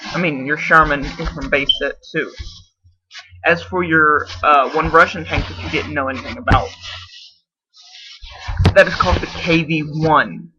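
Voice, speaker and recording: A man's voice: on the high side, background noise. A man in a casual video response, explaining at length, often correcting himself and unsure of details. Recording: dull lo-fi camera audio.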